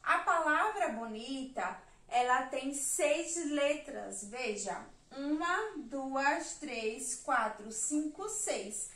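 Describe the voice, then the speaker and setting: Brazilian woman, primary teacher; slow, high and bright; distant mic, roomy echo. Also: lively intonation. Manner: slow, patient, counts letters and syllables aloud. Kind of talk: remote lesson for young children. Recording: echoey room, mic at a distance.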